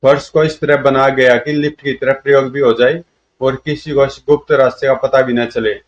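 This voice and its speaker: A man's voice: mid-range voice, steady tone, moderate pace, highs cut off. A man narrating a comic-book story in a dramatic storytelling manner.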